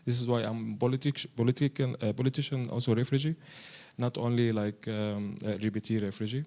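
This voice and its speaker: A man from Syria speaks on a panel in a halting way. He often stops, restarts and fills pauses. His voice sits in an ordinary middle pitch. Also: fairly even intonation, a little mellow. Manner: halting, many fillers and restarts. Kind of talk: panel discussion.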